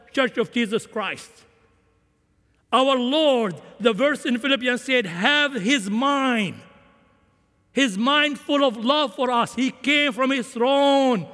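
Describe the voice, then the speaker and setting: Extremely high in pitch and slightly bright, the voice belongs to a man raised in Syria who preaches with passion, his volume climbing and falling. A long hall reverb surrounds the recording.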